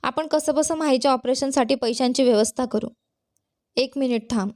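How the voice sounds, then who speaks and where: A woman's voice: sits high, normal speed, a little mellow, lightly acted. A woman voicing a loyal, caring young woman friend, speaking earnestly in a storybook reading. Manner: earnest, heartfelt.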